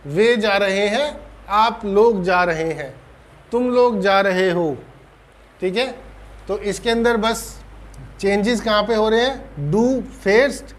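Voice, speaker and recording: A man with an Indian Hindi accent teaching German grammar in an online lesson, patient, repeating points and checking understanding, slowing down to spell out German words. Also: high-pitched, fairly bright tone.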